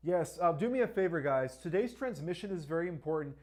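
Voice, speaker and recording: A man's voice: on the high side, expressive, brisk, darkish tone. A man with a Spanish accent hosting a live-stream question-and-answer session, talking emphatically and often checking in with "all right" and "right?". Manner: asks viewers to like and share. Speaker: livestream host.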